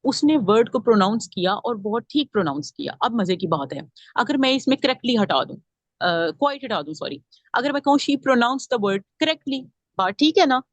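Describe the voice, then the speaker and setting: A woman with a fairly high voice leads a grammar lesson. She explains each point step by step and keeps asking her class questions. The recording is dry and close. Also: big pitch swings, brisk, dry recording. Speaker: grammar teacher.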